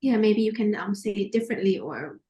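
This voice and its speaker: Thoughtful architect from Thailand, mid-pitched woman. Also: lively intonation, fairly quick, mellow. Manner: thoughtful, searching for words. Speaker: architect, firm co-founder. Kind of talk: interview answers.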